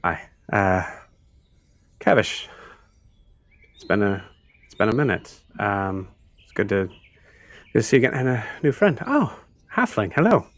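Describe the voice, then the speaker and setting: A man's voice: fairly low pitch, takes it slowly, pauses often, fairly bright tone. A man voicing a friendly, hesitant female wood elf scout in a tabletop game. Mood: welcoming. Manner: hesitant, welcoming.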